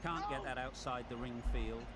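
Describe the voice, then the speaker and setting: A man playing a keen, measured cricket commentator in a video game. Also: mid-range voice. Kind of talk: scripted sports commentary. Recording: very noisy game audio under stream.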